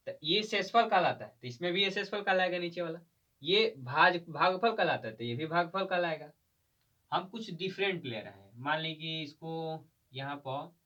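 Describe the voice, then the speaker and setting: Spelling terms letter by letter, a man runs a math class as a call-and-response drill, quizzing students with the same questions again and again. His voice has a fairly high pitch and a sharp tone, heard through a distant, dull lo-fi recording.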